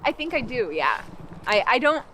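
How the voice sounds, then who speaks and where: Her fairly high voice is very animated, bright and forceful at a moderate pace, on poor audio with slight background noise. She's a young English-speaking Canadian language coach on a casual park walk, chatty and leaning heavily on "like" and restarts.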